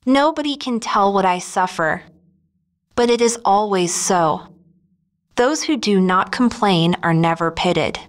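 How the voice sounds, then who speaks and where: A woman's voice: medium pitch, animated, unhurried, close to an everyday voice. A woman reading a novel aloud, voicing a fretful, self-pitying middle-aged mother who complains plaintively. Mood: scolding. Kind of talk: audiobook reading.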